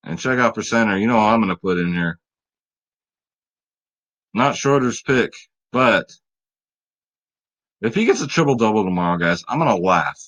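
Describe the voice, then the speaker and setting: A man's voice: lowish voice, expressive, normal speed, pauses often, fairly bright tone, poor audio. A man hosting a fantasy sports picks video, talking casually and straight to his viewers, tired late at night. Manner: chatty, hype-building, talks straight to viewers.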